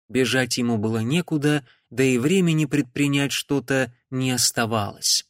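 A man reading an audiobook in a measured, dramatic way. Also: on the high side, no room sound, studio quality. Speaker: audiobook narrator. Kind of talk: audiobook narration.

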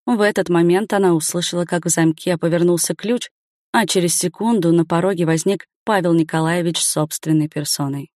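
A woman narrating a story aloud in an even, matter-of-fact reading. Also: on the low side, fairly quick, no room sound, clean studio sound. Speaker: audiobook narrator. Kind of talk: scripted narration.

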